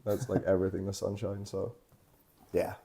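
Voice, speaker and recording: A man's voice: sits low, little pitch movement, moderate pace, vocal fry, mellow, breathy edge. A young man from Scotland, a guest artist in a tattoo shop, chatting casually in a loose, rambling way full of fillers and swearing. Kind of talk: casual chat.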